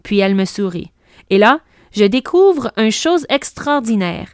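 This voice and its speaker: A woman, a teacher reading a children's book aloud in a clear, steady way. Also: mid-range voice, measured pace, no echo, clean studio sound.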